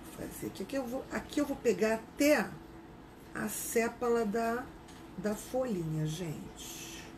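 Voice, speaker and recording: A woman with a Rio de Janeiro Portuguese accent teaches a live craft class in a chatty, casual style, greeting viewers by name. Her voice is a little high, a little slow, and a little mellow, and the poor audio carries some hiss or hum.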